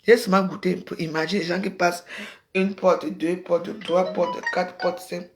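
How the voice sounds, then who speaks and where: A woman, chatting on a casual phone livestream in an excitable, rambling way with sudden exclamations. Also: lowish voice, normal speed. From Cameroon. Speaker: live streamer. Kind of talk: casual Facebook live chat.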